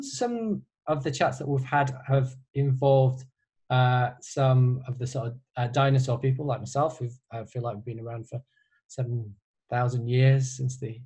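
Chatty middle-aged host on a video call. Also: male voice, mid-range voice, a little mellow. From Yorkshire, England. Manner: chatty, frequent fillers and restarts. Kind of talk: casual video-call chat. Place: bedroom at home. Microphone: headset mic on video call.

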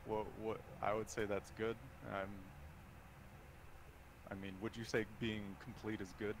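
A man's voice: lowish voice, flat delivery. Hesitant young man, faint background noise. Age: young adult. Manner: halting, hesitant, measured. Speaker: livestreamer. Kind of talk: tense conversation on a livestream. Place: small plain indoor room. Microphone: headset.

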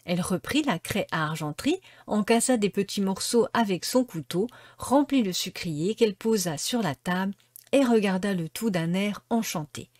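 A woman reads a classic storybook aloud, lively and expressive. Her voice sits in a middle register, and the sound is close and dry with no room around it. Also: mid-range voice, moderate pace, dry recording. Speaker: storybook reader.

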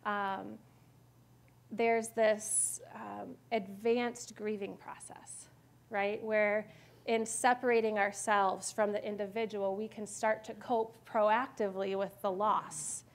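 A woman's voice: medium pitch, level tone, slow pace, gravelly. A woman in her thirties giving an earnest, reflective adult education lecture in a church meeting room, often checking in with her listeners. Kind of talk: personal lecture with slides. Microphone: far camera in room.

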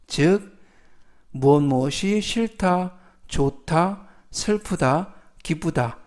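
A middle-aged man with a Korean accent teaching English vocabulary. He explains politely and methodically, and says each English word slowly several times. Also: on the high side, darkish tone. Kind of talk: slow explanatory vocabulary lesson.

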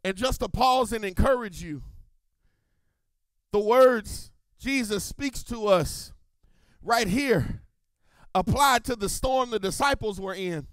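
A man preaching a sermon as pastor, stretching key phrases into a sung, drawn-out delivery. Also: sits high, fairly bright tone, no room sound.

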